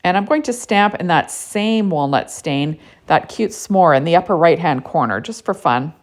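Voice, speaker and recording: A woman's voice: fairly low pitch, expressive, moderate pace. A woman narrating a casual card-making tutorial in a chatty way, with lots of "you know" and "right?".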